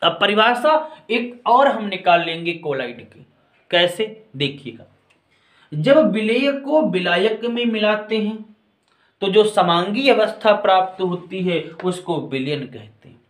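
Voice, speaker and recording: A man gives a chemistry lesson in a higher-than-usual voice, taking it point by point and checking that his students are following. He addresses them as children and friends. The sound carries a clear room echo. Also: lively intonation, unhurried. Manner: explains step by step, often asks if it is clear. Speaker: chemistry teacher. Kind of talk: classroom-style lecture. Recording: echoey room.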